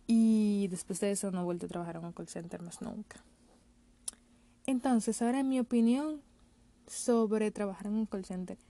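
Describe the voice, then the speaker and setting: A woman's voice: mid-range voice, normal speed, dark tone, no echo. A woman, telling a casual personal story to her vlog audience and mixing in English work words. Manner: chatty, mixes in English call-center words. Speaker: vlogger.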